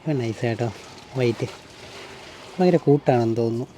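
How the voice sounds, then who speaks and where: A man vlogging outdoors on a hot rooftop terrace, friendly and asking quick questions. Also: mid-range voice, dark tone, a little hiss or hum. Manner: friendly, asks quick questions, calls him bro. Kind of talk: casual vlog and chat with a fish seller.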